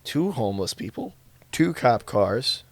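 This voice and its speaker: A young man hosting a vlog, worn out and shivering after a night run, talking excitedly and laughing between tired remarks. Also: medium pitch, unhurried, no echo. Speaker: podcast host. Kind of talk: casual vlog chat.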